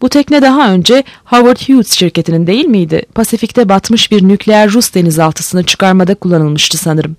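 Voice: medium pitch, moderate pace, few pauses, no echo, studio quality, lightly acted. A reader voicing a male navy officer who is formal, respectful and firm.

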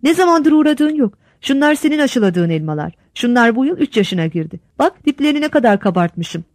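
A woman's voice: high-pitched, a little fast, dry recording, studio quality. A woman voicing a proud, talkative male village instructor who shows off his farm and calls out to his wife, in a read-aloud story. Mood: eager. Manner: excited, shouting to his wife.

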